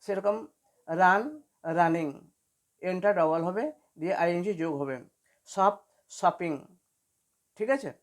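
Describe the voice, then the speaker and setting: A woman's voice: fairly low pitch, normal speed, pauses often. A woman teaching an English spelling lesson for beginners, patiently spelling words out letter by letter.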